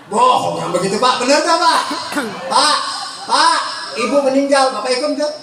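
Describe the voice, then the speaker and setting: A man preaching a sermon, shouting, teasing the crowd and calling on them to answer back. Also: very high voice, normal speed, very noisy. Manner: teasing, joking with the audience. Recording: echoey hall, mic from far off.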